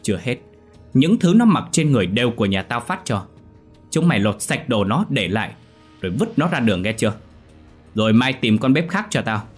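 A man's voice: fairly low pitch, sing-song, fairly quick, hardly any pauses, husky, soft background music. A man voicing a brutal old landowner who growls threats and barks orders at his household. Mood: threatening.

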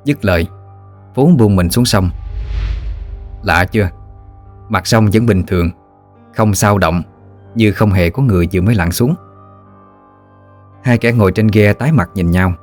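A man with a Southern Vietnamese accent narrating a ghost story in a steady, plain manner. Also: lowish voice, unhurried, long pauses, faint music behind.

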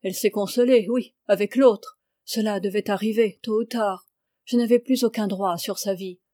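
A woman reading the lines of a heartbroken young man, quiet and strained. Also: mid-range voice, fairly even intonation, normal speed, no room sound, studio quality, close to an everyday voice. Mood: bitter.

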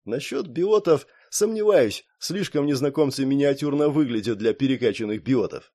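A man's voice: medium pitch, lively intonation, moderate pace, dark tone. A man narrator voicing a brash young male space pilot who teases his friend with a smirk. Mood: mocking. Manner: smirking, teasing.

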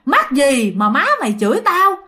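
A woman's voice: sits high, sing-song, normal speed, sharp tone, full character voice. A woman voicing a tall, hairy, bald male ghost who spits repeated, menacing accusations. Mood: spiteful.

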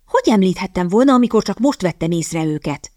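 A woman voicing a dreamy, easily distracted young sister in a storybook reading, speaking slowly and airily. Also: mid-range voice, lively intonation, warm tone, dry recording, clean studio sound, lightly acted. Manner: dreamy, slow, airy.

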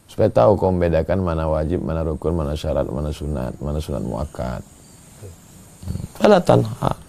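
A man preaching a sermon, moving between slow drawn-out chanting of verses and quick, emphatic scolding. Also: rumbling low, animated, dark tone. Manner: gravelly voice. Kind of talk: sermon with Quran recitation.

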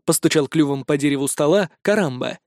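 A man narrating a children's fantasy audiobook in an even storytelling delivery. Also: fairly high pitch, brisk, dry recording, studio quality.

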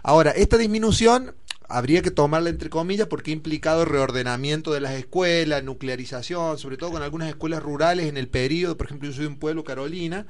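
A man's voice: on the high side, fast. A man with an Argentine accent, explaining figures in a discussion program and thinking aloud with fillers. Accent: Argentine Spanish.

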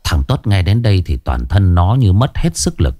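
A man narrating a ghost story in an expressive, animated reading. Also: low-pitched, normal speed, no echo.

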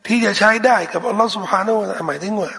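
A man's voice: high-pitched, fast, gravelly, fairly bright tone, breathy edge. A man preaching a Quran commentary lecture, asking rhetorical questions and answering them himself. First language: Thai. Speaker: Islamic preacher. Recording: long hall reverb.

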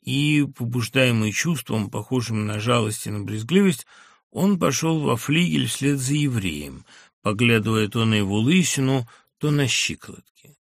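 A man narrating a classic literary audiobook in a measured, expressive reading on a close studio mic. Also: medium pitch, gravelly, no room sound. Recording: dry studio recording.

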